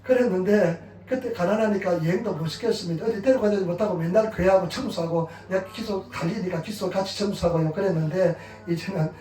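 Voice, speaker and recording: A middle-aged man preaches in a church, recounting his own stories with animated energy and an occasional chuckle. His voice sits high for a man. The sound carries the echo of a church hall, picked up from a distance. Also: fairly quick, hardly any pauses. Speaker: pastor. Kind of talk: sermon with personal testimony. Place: church sanctuary.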